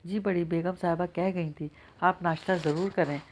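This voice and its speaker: A woman's voice: on the low side, fairly even intonation, slight background noise, lightly acted. A woman reading the lines of a deferential household maid. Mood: polite. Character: female household maid, polite and dutiful.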